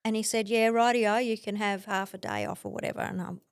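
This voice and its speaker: A middle-aged Australian woman telling her story as a podcast guest, animated, laughing often and acting out what others said. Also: medium pitch, brisk, gravelly, clean tone, no echo. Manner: animated, acts out quoted voices, laughs often. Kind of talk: conversational storytelling.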